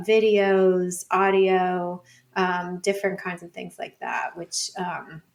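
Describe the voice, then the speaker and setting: The speaker is a woman whose fairly low voice has a creaky quality. She's a professor of urban studies and planning guesting on an interview show, describing her field with care but in loose wording full of "like" and "sort of."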